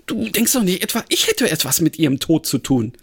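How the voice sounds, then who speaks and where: A man's voice: fairly high pitch, big pitch swings, a little fast, fairly bright tone, breathy edge, exaggerated voice. A man voicing a nervous young man who stammers and pleads that he is innocent. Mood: pleading.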